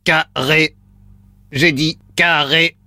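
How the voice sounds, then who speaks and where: A man voicing a slow, deep male telephone robot with a flat, mechanical, computer-processed sound during a prank call. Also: dry recording, clean studio sound, exaggerated voice. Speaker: prank caller, radio host.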